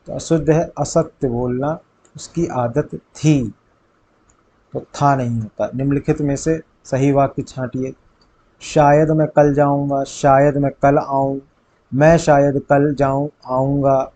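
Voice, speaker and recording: Male tutor with a warm, mellow voice, reads each question and its options aloud, then gives the answer; light hiss behind. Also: mid-range voice, level tone, slow, low-quality recording. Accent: Hindi, north India. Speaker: exam tutor. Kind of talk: reading quiz questions aloud.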